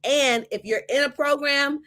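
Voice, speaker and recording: A woman co-hosting a podcast who holds a doctorate, chatting casually in a lively, emphatic way. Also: high-pitched, a little slow. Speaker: podcast co-host, recent doctorate.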